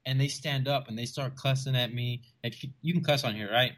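A man from the Rio Grande Valley of Texas talks as a stand-up comedian guest in a relaxed interview. He tells stories in an animated way and slips into the voices of the people he quotes. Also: medium pitch, brisk. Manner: animated storyteller who acts out quoted voices. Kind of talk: casual storytelling interview.

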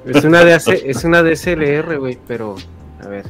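Mexican guy cohosting, kinda high voice, slangy casual talk, faint music. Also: expressive, brisk, a bit bright.

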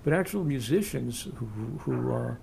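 A man's voice: mid-range voice, animated, moderate pace, creaky, a loud crowd. A man in his sixties hosting a casual interview, chatty and rambling with many fillers. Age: 60s. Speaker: interview host.

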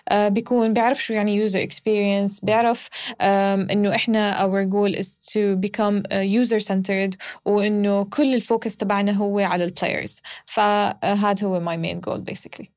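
A woman's voice: mid-range voice, fairly even intonation, moderate pace, a little mellow. Casting: woman, mid-range voice, interview guest who blends Arabic with English inside sentences, conversational. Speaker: guest, user experience research professional. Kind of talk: casual podcast interview.

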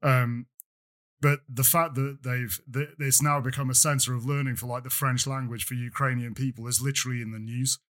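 A man's voice: mid-range voice, flat delivery, moderate pace, a bit bright. A British man co-hosting a podcast in casual chat, rambling with many fillers and restarts. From Britain. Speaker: podcast co-host. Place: lives in France.

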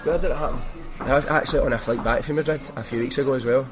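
A man's voice: medium pitch, very fast. Glaswegian guy, strong scottish accent, chatty podcast host telling stories in slang, music playing behind. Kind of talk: casual anecdotal chat.

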